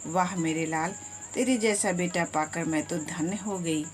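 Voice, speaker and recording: A woman's voice: fairly low pitch, unhurried, slight background noise, voice pushed down, close to an everyday voice. A woman doing a frail hungry old mother. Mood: tender. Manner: pleading, tender.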